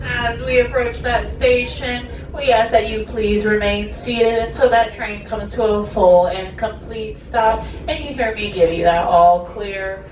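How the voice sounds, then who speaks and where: Woman announcing over an outdoor loudspeaker. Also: a little high, a little slow, hardly any pauses, far from the mic. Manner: calm and repetitive instructions. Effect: live public-address loudspeaker outdoors. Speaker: train conductor. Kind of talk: safety announcement. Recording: echoey loudspeaker heard from afar, with noise.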